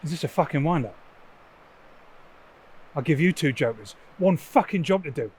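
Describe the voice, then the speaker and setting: A man's voice: fairly high pitch, lively intonation, normal speed, a little mellow, husky. An actor playing a menacing loan shark who swears constantly and demands his money. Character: foul-mouthed menacing male loan shark.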